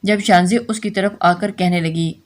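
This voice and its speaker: A woman's voice: fairly low pitch, fairly even intonation, measured pace. A woman narrating a romance audio novel, reading steadily with occasional slips and restarts.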